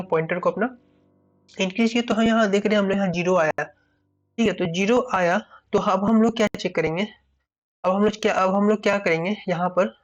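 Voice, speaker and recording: This man's voice sits high, and the recording has its highs cut off. He's a coding tutor working through a problem one step at a time, thinking out loud, restarting phrases and repeating "ठीक है" frequently.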